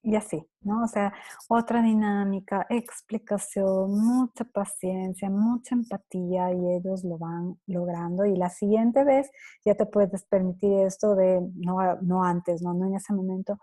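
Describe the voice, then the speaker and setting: A woman's voice: mid-range voice, a little slow. A woman in her thirties answering parenting questions at a conference, chatting casually and acting out little dialogues with children. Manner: laughs easily, lively quoting. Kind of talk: conference Q&A talk.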